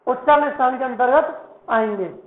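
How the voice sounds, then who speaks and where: Recorded in an echoey room with a tinny, phone-like sound, a man teaches a Sanskrit class at normal speed in an extremely high-pitched voice. He poses questions and answers them himself, repeating words so students drill their pronunciation.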